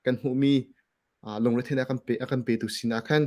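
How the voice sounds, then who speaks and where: A man's voice: medium pitch, quick pace. A man speaking casually about church ministry, mixing English words into his talk. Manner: relaxed, mixes English words into speech.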